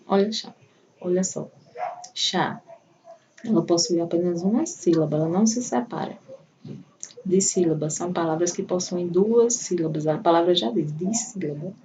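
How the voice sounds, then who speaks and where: A woman's voice: on the low side, mellow. A woman teacher giving a patient primary school lesson, walking through examples one by one. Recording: voice a bit far from the mic, faint room noise.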